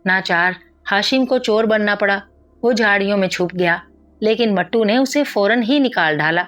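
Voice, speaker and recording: A woman narrating a moral story in a steady, expressive reading. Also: mid-range voice, lo-fi sound. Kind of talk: scripted narration.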